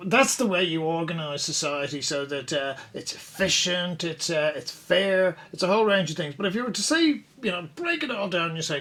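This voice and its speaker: A man's voice: high voice, a bit bright. A middle-aged man hosting a casual interview, chatty and often hesitating with fillers. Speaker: radio show host.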